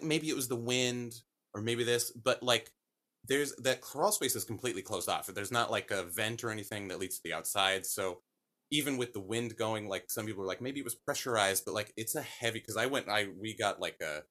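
A man with a lowish, bright, forceful voice rambles through his own ghost stories as a guest on a podcast. He tells them casually, correcting himself often and leaning on plenty of fillers.

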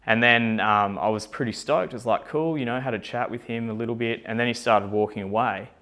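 Chatty young man with a lowish voice. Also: steady tone, fairly quick, pushed and bright. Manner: chatty, candid, lots of fillers and self-deprecating asides. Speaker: company founder. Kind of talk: casual personal storytelling.

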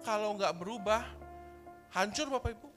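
A man preaching as pastor at a church service, animated and full of rhetorical questions and sound effects. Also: high-pitched, normal speed, soft background music. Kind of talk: sermon.

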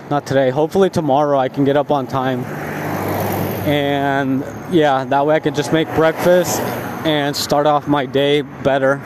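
A man who is high and tired, talking in a laid-back, rambling stoner drawl, like a casual spoken diary. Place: outdoors, walking along a residential street at night. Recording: outdoor street noise with passing cars.

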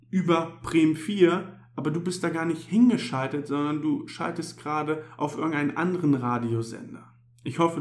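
A man's voice: on the high side, reverberant. A young man with a German accent giving a casual youth sermon, talking to listeners directly and often calling out "hey". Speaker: youth pastor.

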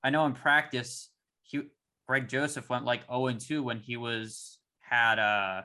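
Young male podcast co-host, bright eager voice, rambly sports chat. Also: medium pitch, a little slow. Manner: excitable, rambling with restarts.

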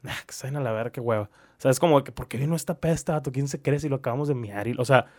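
A man's voice: medium pitch, fast. A young man with a Mexican accent, co-hosting a podcast and telling rambling, swear-filled stories in casual chat. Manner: slangy, rambling storyteller, swears freely. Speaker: podcast co-host.

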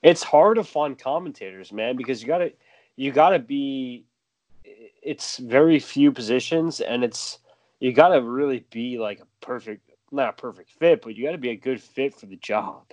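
A man's voice: medium pitch, moderate pace, a little mellow, dry recording. Earnest man in casual sports chat. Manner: earnest, says "dude" and "man".

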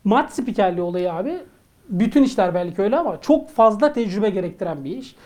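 A woman's voice: mid-range voice, animated, quick pace, darkish tone. A woman talking casually as a panelist on a sports talk show, explaining her views.

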